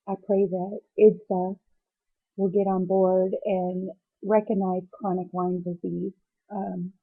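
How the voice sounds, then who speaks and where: A woman's voice: mid-range voice, phone-quality sound. A woman speaking hesitantly in a personal video diary, teary and emotional as if after crying, searching for her words. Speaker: patient vlogger.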